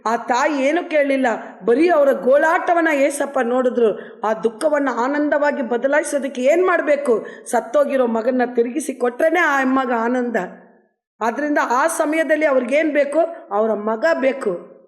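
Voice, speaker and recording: A woman's voice: high voice, normal speed. Earnest woman preaching a sermon. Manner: earnest, repetitive address to listeners. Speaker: pastor. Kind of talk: devotional sermon and prayer.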